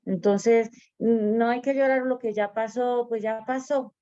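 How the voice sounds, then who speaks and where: A woman's voice: a little high, fairly even intonation, measured pace, warm tone, no echo. Woman co-host, earnest sermon reflection, dull dry recording. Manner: earnest, repetitive, quotes God directly.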